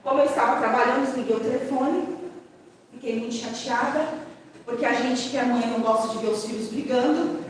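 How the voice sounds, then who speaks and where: A woman missionary giving a sermon with personal testimony, telling the story and acting out her daughters' words in a higher voice, then building to loud proclamation. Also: quick pace. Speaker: missionary preacher. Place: church hall. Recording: echoey hall from far off, faint noise.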